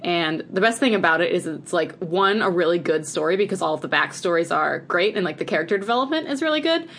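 A woman from chats eagerly on a podcast, sprinkling 'like' through every sentence. Her voice sits a little low for a woman. A faint noise runs under the recording. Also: expressive, fast talker, fairly bright tone. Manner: chatty and enthusiastic, heavy use of 'like'. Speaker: podcast co-host. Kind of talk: casual podcast chat.

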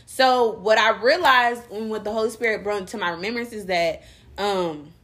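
Emphatic woman in casual faith talk. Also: mid-range voice. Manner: animated, emphatic, quick asides. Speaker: podcast co-host.

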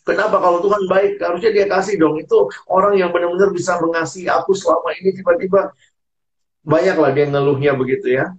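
A man's voice: sits high, steady tone, fast. Earnest man on lo-fi audio. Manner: earnest, acts out quoted dialogue. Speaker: guest speaker.

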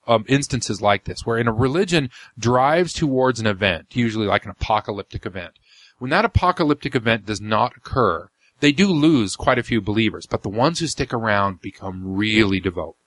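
A man's voice: mid-range voice, fairly bright tone, dry recording. Blunt sardonic man, dry close sound. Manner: blunt, sardonic, frequent restarts and ums. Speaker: podcast host. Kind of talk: casual commentary reading a talk.

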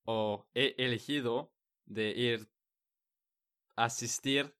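A man's voice: mid-range voice, steady tone, drawn-out words, a bit bright, smooth. A man in a casual chat, speaking hesitantly, restarting words and searching for the right ones. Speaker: conversation partner. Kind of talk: casual chat in a learned language.

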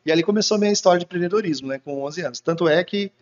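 Guy telling his story fast, kinda high voice, dull muffled sound. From Brazil. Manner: animated storyteller, acts out quoted dialogue. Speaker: entrepreneur guest. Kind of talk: casual interview storytelling. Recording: muffled lo-fi recording.

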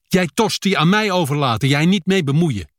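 A prickly, sharp-tongued widow as a male reader puts her on, her voice pushed high and swinging up and down. She speaks in blunt, clipped broken phrases, in a dry, close sound. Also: animated, normal speed, dry recording, lightly acted. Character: fierce Brazilian widow in broken Dutch.

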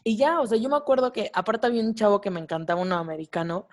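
A woman in her twenties with a Mexican Spanish accent, co-hosting a podcast and telling a personal story in a casual, animated way, full of fillers and slang. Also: mid-range voice, racing. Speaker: podcast co-host.

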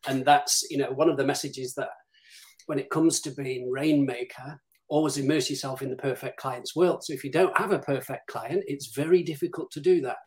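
A man's voice: medium pitch, steady tone, moderate pace, darkish tone. A man speaking as a guest on a live-streamed interview, giving emphatic advice and acting out what clients say to him. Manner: emphatic, advisory, acts out quoted clients. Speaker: guest, business development director.

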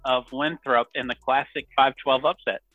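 A man's voice: mid-range voice, fairly even intonation, moderate pace, phone-quality sound, soft background music. A man hosting a casual sports betting podcast, upbeat and chatty, laughing often. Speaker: podcast host.

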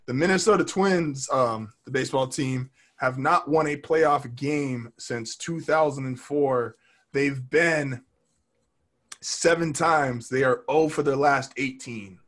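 A man co-hosting a casual podcast, ranting and swearing in excited bursts. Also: medium pitch, slow pace. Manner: animated, swearing, rants in bursts. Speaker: podcast co-host. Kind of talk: casual chat.

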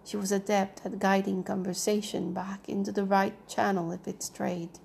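Woman audiobook narrator, mid-pitched, gravelly, husky. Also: level tone, normal speed, a little mellow, slight background noise. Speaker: audiobook reader. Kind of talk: novel narration.

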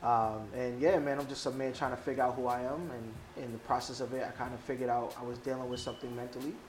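A man's voice: mid-range voice, steady tone, fast, a little hiss or hum. A man in his thirties talking openly and informally as a guest in a casual podcast conversation. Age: 30s.

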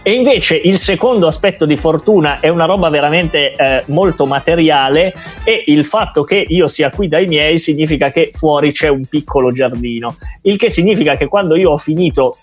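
A man with a fairly high voice talks casually as a podcast co-host. He tells little stories in a jokey, self-mocking way, with light music underneath. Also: moderate pace, dull audio. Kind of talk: casual humorous chat.

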